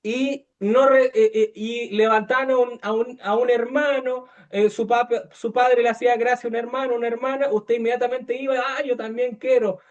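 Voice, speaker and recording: A man's voice: very high voice, level tone, moderate pace, hardly any pauses, dull audio. A man preaching a conversational sermon, full of hesitations and restarts, often asking his listeners questions. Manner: many fillers and restarts, asks listeners questions, acts out quoted voices.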